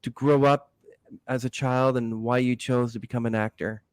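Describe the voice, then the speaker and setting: Smooth-voiced enthusiastic male host. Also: mid-range voice, fairly even intonation, normal speed, no echo. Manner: enthusiastic, admiring. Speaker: podcast host. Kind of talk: interview questions.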